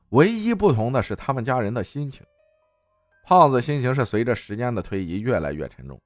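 Lively man telling a ghost story. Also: medium pitch, no room sound. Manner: conversational, animated storytelling. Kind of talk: first-person ghost story narration.

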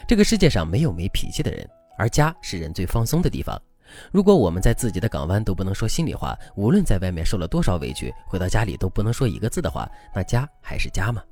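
Fast, animated male advice host. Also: sits low, soft background music. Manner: animated dramatic storytelling. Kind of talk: storytelling advice podcast.

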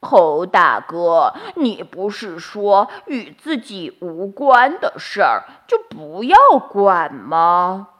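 A woman voicing a kind, meddling male goat who asks earnest, gentle questions in a bedtime story. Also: a little high, lively intonation, slow pace, hardly any pauses, pitched above the performer's own voice, exaggerated voice. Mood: teasing slow. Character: kindhearted meddling male goat, younger neighbor.

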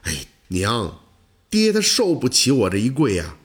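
A man voicing a calm, secretive teenage farm boy who speaks low and matter-of-fact in a storytelling reading. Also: normal speed, husky.

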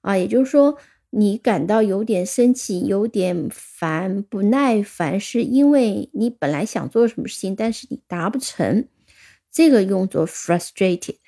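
A woman teaching English vocabulary, explaining in one language and reading example sentences slowly, spelling words out letter by letter. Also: mid-range voice, lively intonation, mellow. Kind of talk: vocabulary lesson.

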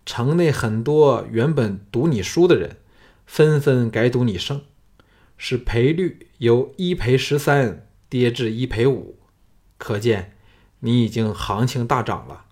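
A man's voice: animated, unhurried, a little mellow, lightly acted. Man voicing an earnest, cautious old counselor. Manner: earnest, urging, lowered confiding voice.

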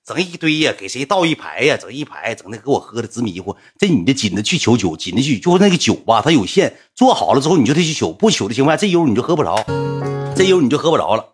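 A man's voice: medium pitch, big pitch swings, quick pace, husky, soft background music. A man, telling a story in a chatty, colloquial way. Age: 20s. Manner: chatty, colloquial, recounts with acted-out quotes. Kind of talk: casual spoken storytelling.

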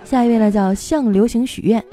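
A woman's voice: fairly high pitch, fairly quick, warm tone, faint music behind. A woman host reading listener jokes in a comic style, slipping into character voices for the quotes.

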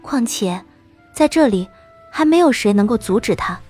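A woman narrating a novel in the first person with expressive storytelling. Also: a little high, moderate pace, slightly rough, faint music behind.

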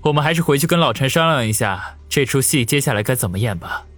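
Narrator voicing a brash cocky tough, pitched a little up and animated. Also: male voice, quick pace, soft background music. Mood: swaggering. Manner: brash, swaggering. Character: cocky young gang leader, man.

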